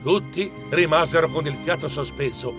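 A man narrating a children's audiobook in an animated storytelling manner. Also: on the high side, normal speed, over music.

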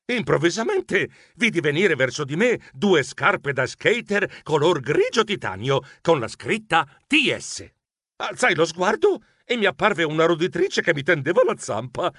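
A man's voice: on the high side, sing-song, a little slow, fairly bright tone, breathy edge, dry recording, studio quality. A man narrating a children's story in first person as an anxious, clumsy male mouse, stammering and melodramatic. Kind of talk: expressive audiobook narration.

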